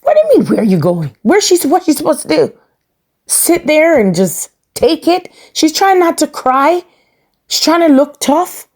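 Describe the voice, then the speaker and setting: Sassy animated woman recapping. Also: high voice, normal speed. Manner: animated, sassy, emphatic repetition. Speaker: podcast host reviewing a reality show. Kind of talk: casual opinionated recap.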